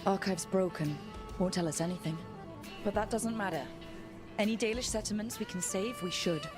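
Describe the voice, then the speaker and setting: A woman's voice: medium pitch, normal speed, lightly acted. An actress playing a bold woman companion in a video game cutscene, speaking bluntly over music. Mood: wry.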